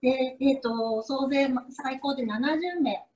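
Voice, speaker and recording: A woman's voice: sits high, slow, darkish tone. Hesitant woman moderator, muffled sound. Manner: hesitant, many fillers between phrases. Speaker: event moderator. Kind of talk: formal closing announcement. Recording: slightly dull, muffled sound.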